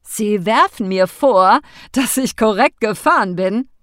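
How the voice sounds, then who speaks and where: A woman's voice: medium pitch, animated, moderate pace, dry recording, clean studio sound, lightly acted. A woman doing a furious young man driver. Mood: angry. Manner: loud, indignant, clipped. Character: angry tall young man, curt, shouting driver.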